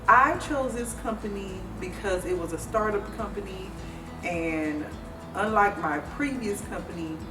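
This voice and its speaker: A woman from South Carolina, a logistics supervisor, telling her work path plainly in an employee interview. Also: lowish voice. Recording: roomy, distant mic, music behind.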